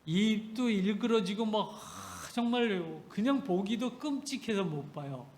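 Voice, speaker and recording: A man preaching a Sunday sermon with a high-set voice for a man. He talks emphatically, pushing hard on key words, then dropping into quiet asides to the congregation. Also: expressive, unhurried. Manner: emphatic, swings between loud rebukes and soft asides. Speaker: pastor.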